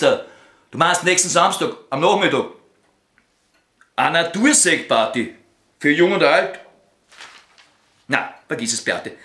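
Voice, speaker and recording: A Viennese man performs a one-sided comic phone call in a high, bright voice that swoops all over. He is crude and foul-mouthed, lurching from outbursts to syrupy sweet talk, and the room around him echoes. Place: living room.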